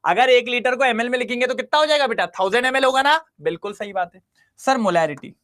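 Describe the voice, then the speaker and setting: A man's voice: very high-pitched, quick pace, a bit bright. A man teaching chemistry in an online class, constantly quizzing his students and coaxing them to answer.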